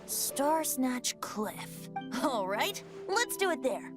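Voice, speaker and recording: A woman voicing a gentle, thoughtful young male bard in a video game, with a boyish, earnest delivery. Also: high voice, sing-song, slow pace, over music, heavily acted.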